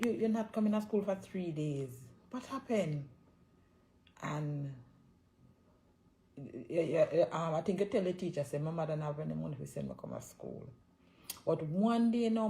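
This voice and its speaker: A middle-aged woman with a Jamaican accent, the host's mother, joins the story and reminisces casually about family life. Her fairly low, creaky, dark-toned voice is animated and moderately paced. She repeats her words emphatically to hold the floor.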